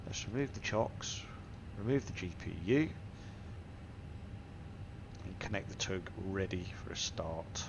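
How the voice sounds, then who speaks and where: With a low, gravelly voice and a nose blocked by a cold, a flight sim tutorial host works through the cockpit setup, calmly reading out each number and setting aloud. He's a little slow and pauses often, and a steady aircraft engine and cabin hum is clearly heard behind him.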